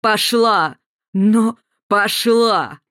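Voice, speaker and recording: A narrator voicing a cruel, mocking male Nazi officer who speaks slowly and sneers. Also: medium pitch, fairly bright tone, no room sound, studio quality, voice pushed up. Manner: slow, sneering, drawn out.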